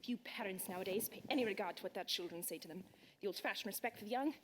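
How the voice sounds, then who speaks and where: Girl doing a fast-talking haughty young lady, kinda high voice, echoey hall. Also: a little hiss or hum, close to an everyday voice. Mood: imperious. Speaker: stage actor in a school play. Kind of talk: stage comedy acting.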